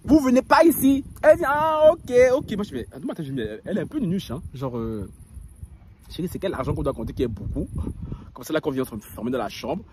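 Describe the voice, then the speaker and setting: A man's voice: medium pitch, quick pace, noisy background. A young man with an Ivorian French accent telling a confessional story, laughing and mocking himself. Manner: animated, laughing, self-mocking. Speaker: gossip vlogger.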